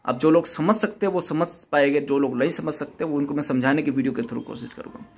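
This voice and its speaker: Male vlogger preaching life advice; husky, high-pitched, animated. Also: fast. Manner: earnest, repetitive preaching delivery. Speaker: YouTube channel host. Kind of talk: motivational talk to camera.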